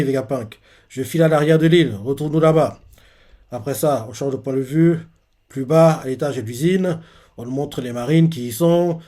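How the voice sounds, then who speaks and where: A young man recapping and reacting live to a manga chapter, lively and laughing, with many hesitations as he narrates scenes. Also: on the high side.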